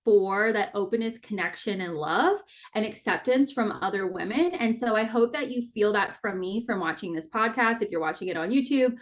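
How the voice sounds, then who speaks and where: A woman's voice: mid-range voice, moderate pace, few pauses. An earnest woman in her thirties speaks into a podcast microphone, candid and heartfelt. Her talk is casual and personal, loose with fillers, now and then a mild swear. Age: 30s. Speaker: podcast host.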